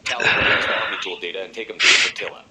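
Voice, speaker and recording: A man playing a direct, steady military commander in a video game, businesslike in manner. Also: low-pitched, rapid-fire, heavy background noise, natural voice. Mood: reassuring, firm.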